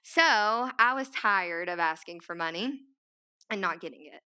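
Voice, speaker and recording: Bright, clear East Tennessee Appalachian woman. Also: mid-range voice, animated, measured pace. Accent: East Tennessee Appalachian Southern. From East Tennessee, United States. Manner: chatty and self-deprecating, often saying "like". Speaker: nonprofit founder speaking to an audience. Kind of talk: informal, conversational public talk.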